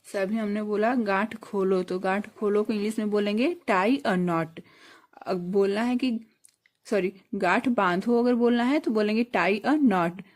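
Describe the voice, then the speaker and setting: A woman teaching a basic English lesson, spelling words letter by letter, repeating phrases slowly, and asking and answering her own questions. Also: mid-range voice.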